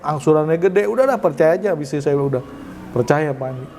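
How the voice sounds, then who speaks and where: A man telling his testimony in a lively, animated chat, acting out quoted voices. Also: fast talker, gravelly, slight background noise. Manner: lively, acts out quoted voices with raised pitch. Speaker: guest sharing testimony.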